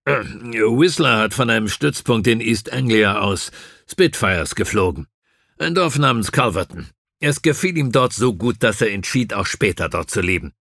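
A stiff, easily irritated senior army officer, as a male audiobook reader plays him. His speech is brisk and clipped, with a gravelly edge. The sound is close and dry. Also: fairly low pitch, expressive, fairly bright tone, no room sound, heavily acted. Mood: gruff.

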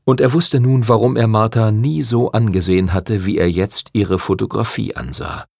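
A man reading a novel aloud in measured scripted narration. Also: lowish voice, creaky, darkish tone, no echo, clean studio sound. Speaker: audiobook narrator.

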